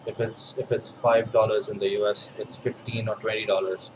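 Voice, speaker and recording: A man with an Indian accent chatting casually as a vlog host, in a halting, hesitant way with pauses and repeats. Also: fairly low pitch, flat delivery, a little hiss or hum, poor audio. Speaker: video host, pipe and cigar hobbyist.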